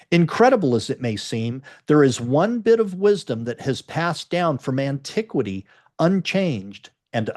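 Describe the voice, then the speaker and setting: A man's voice: medium pitch, darkish tone. A man reading a self-help book aloud as host, earnest and emphatic, and breaking off for casual comments of his own.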